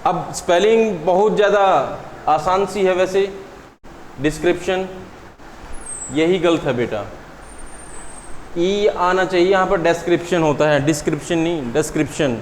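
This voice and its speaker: A man teaching an exam-prep lesson in a classroom. He asks his students questions and answers them himself, and he says words slowly and deliberately. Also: high-pitched. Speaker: English teacher. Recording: echoey room with long reverb and faint noise.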